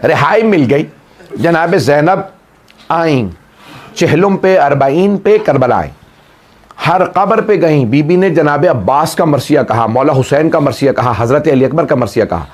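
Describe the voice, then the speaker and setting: A man's voice: a little high, expressive, measured pace. A man preaching, narrating a mourning story with passion and often calling his listeners brother. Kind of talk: emotional sermon narration.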